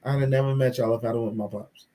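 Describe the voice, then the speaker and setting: A man with a warm, mid-range voice speaks in a steady tone at a rapid-fire pace. Co-hosting a casual talk show, he chats reflectively with friends, candid and swearing freely, and repeats phrases for emphasis.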